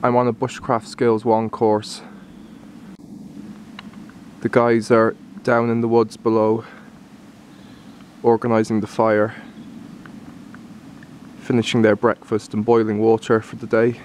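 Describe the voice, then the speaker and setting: A man giving a relaxed, explanatory walkthrough of his camp on a wooded hillside, recorded on a handheld camera. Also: fairly low pitch, takes it slowly, pauses often, slight background noise. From Ireland. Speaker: bushcraft instructor. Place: hillside woodland outdoors.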